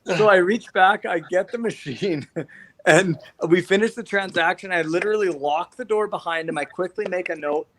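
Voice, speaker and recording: A man's voice: sits high, normal speed, fairly bright tone. A man hosting a podcast, telling a story in casual chat and laughing often. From Canada. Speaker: podcast host.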